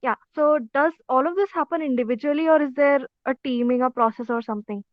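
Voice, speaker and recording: A woman's voice: sits high, fast, no echo. A woman student talking through a face mask, asking a polite question on a video call. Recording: dull lo-fi muffled audio.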